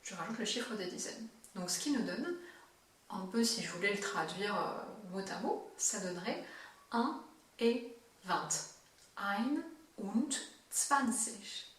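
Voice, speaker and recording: A French-speaking woman teaching German, who explains patiently and repeats each word slowly for practice. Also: mid-range voice, animated, fairly bright tone, very echoey, distant mic. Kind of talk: language lesson, slow clear explanation.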